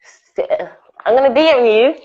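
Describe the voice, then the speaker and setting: A woman's voice: sits high, normal speed, lo-fi sound. A woman, hosting a chatty interview over a video call, laughing often. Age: 30s. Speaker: interview host.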